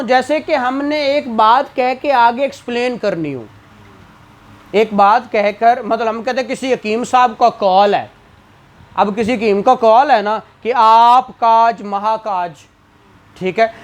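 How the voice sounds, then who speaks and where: A man giving a classroom lecture as a law exam tutor, asking questions and answering them himself. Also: very high voice.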